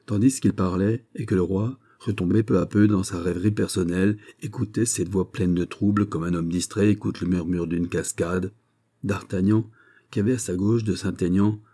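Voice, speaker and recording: A man reading a classic novel aloud as an audiobook narrator, in a measured, steady way. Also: deep voice, breathy edge. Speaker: audiobook reader. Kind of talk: scripted narration.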